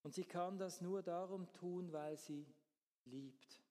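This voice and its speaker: A man's voice: sits high, slow, dark tone, long reverb tail. A man preaching a sermon as pastor, earnest, repeating key phrases for emphasis.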